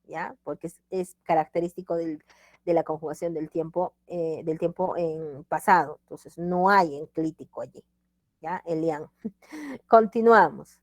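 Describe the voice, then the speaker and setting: A woman's voice: low-pitched, a little slow, dry recording, clean studio sound. Emphatic woman teaching grammar. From Peru. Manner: emphatic, repeats examples, asks "¿listo?". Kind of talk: online grammar lesson.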